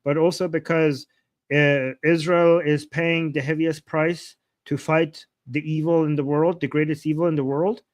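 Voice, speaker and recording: A man hosts a live stream reacting to politics, insistent and argumentative, circling back to his points and asking rhetorical questions. He's from Iran and has an Iranian accent. His voice is a little high, level in tone and at normal speed, with no echo.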